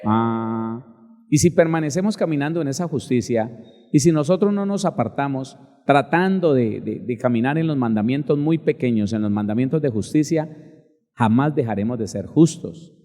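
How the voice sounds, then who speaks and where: A male pastor preaching a sermon emphatically, spelling out words slowly and addressing listeners directly. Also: medium pitch, expressive, dark tone, in a large hall.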